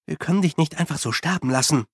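A clipped, sarcastic young woman, voiced by the narrator, with a classroom bite in every line. Her voice is somewhat husky and recorded dry and close. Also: low voice, fast, no room sound. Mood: snappish. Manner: snappish, sarcastic.

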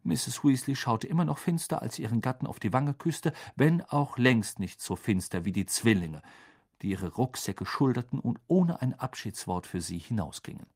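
A male narrator reads a story aloud with an expressive delivery. His voice is husky, and his pitch moves lively up and down. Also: moderate pace. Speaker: audiobook narrator. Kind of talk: scripted narration.

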